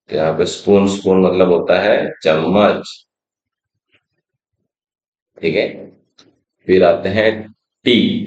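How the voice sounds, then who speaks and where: Teaching phonics to children, a man with a low voice and darkish tone spells each word slowly letter by letter, explains it, then gives the Hindi meaning. Patient throughout, he keeps asking "theek hai," recorded in a roomy, slightly dull space.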